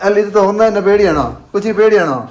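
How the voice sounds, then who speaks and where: A woman's voice: mid-range voice, rapid-fire, crowd noise. A woman chatting casually in a home vlog, teasing and coaxing small children outdoors and then inside the house. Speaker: family vlogger.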